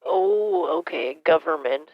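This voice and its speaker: Man doing a confused, hard-of-hearing granny; gravelly and halting, over a dull, muffled line. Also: a little high, no room sound. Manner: hesitant, stammering, keeps asking to repeat. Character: frail elderly woman, hard of hearing, confused. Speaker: caller posing as a victim. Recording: muffled phone call.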